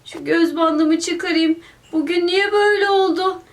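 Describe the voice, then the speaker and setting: A woman's voice: very high-pitched, unhurried. Tired-sounding woman narrating a toy game. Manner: tired, sighing, scolding. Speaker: game narrator playing the mother.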